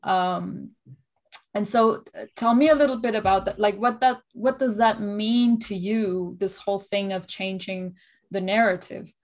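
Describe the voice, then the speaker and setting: A woman's voice: mid-range voice, fairly even intonation, measured pace. A woman hosting an interview, asking questions in a casual, tentative way. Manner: casual, tentative, many fillers. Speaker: interview host. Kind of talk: conversational interview.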